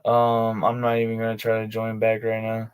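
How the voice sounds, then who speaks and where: A man chats casually on his livestream in a smooth, clean voice. His pitch barely moves and stays almost monotone. He drifts along in relaxed slang, with lots of "like" fillers. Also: normal speed. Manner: laid-back slangy talk full of "like" fillers. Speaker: streamer of his own tabletop game sessions.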